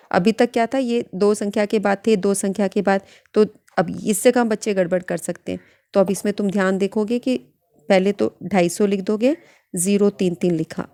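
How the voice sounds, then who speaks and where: Woman math teacher, patient classroom manner, warm mellow tone, dry close recording. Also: medium pitch, dry recording. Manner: patient, repeats "ठीक है" often, slows to read out numbers. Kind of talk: worksheet lesson, counting steps aloud.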